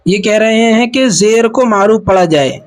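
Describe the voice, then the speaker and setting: High-voiced man teaching letter sounds. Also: low-quality recording. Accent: Pakistani Urdu. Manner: repeats and spells out syllables slowly, asking and answering his own questions. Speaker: Quran reading teacher. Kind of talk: patient spoken lesson.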